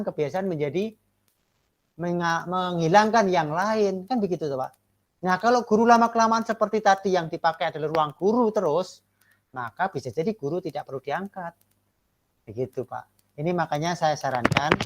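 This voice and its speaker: A man with a high-sitting voice lectures a class of trainee teachers and gives them feedback. He keeps checking for agreement through short rhetorical questions and slows down to stress the words that matter most.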